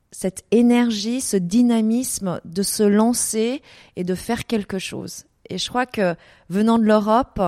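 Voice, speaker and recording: This desert events business owner, a middle-aged woman from Vietnam, talks about her company in an interview, frequently stumbling with fillers and restarts. Her medium-pitched voice is mellow, and the studio-quality recording is dry.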